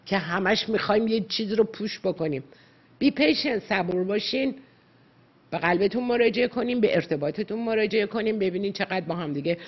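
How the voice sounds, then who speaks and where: A woman's voice: mid-range voice, animated, slightly rough, highs cut off. A woman psychologist giving earnest, lecturing advice to callers on a radio call-in show, slipping English words into her talk.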